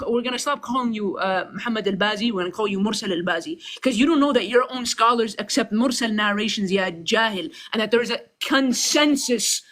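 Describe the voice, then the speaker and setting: A man's voice: very high voice, pushed and bright. A man in a heated online debate, combative and mocking, reading sources aloud to score points.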